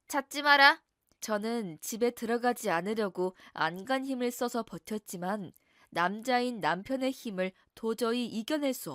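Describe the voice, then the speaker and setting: A woman narrating a personal story in a quiet, mournful way. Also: fairly high pitch, no room sound, studio quality.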